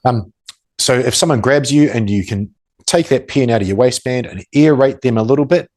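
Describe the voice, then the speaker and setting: Man, broad New Zealand accent, average pitch, conversational expert explaining, dry humour, plain-spoken. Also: moderate pace, a little mellow. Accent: broad Kiwi (New Zealand). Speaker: self-defence and tactical expert guest, former police officer.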